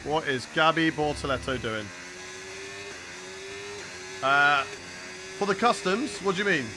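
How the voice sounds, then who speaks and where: Lively intonation and a fairly high voice mark this young British man, who streams a racing game at an unhurried pace. He chats casually, reacts out loud and replies to viewers as clear in-game engine noise plays in the background.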